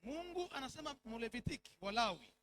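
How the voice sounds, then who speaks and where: A man preaches a sermon in short, punchy phrases, pausing between them for an interpreter. His voice sits very high. Clear noise fills the background. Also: big pitch swings, fairly bright tone. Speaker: bishop preaching. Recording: noisy church hall.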